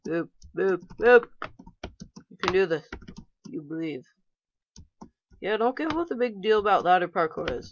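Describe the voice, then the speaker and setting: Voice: mid-range voice, fairly bright tone, muffled recording, slight background noise. A gamer giving casual let's-play commentary, chatty and talking to themselves with playful frustration. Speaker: gameplay commentator.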